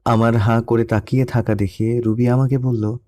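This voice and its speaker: A young man narrating a first-person love story in a soft, melancholy storytelling manner. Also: medium pitch, level tone, normal speed. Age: young adult.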